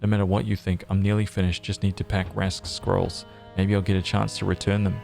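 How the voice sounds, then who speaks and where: A man's voice: low voice, flat delivery, brisk, vocal fry, darkish tone, soft background music. A man reading the lines of Gleda, a grieving young woman, in a video game. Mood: brave.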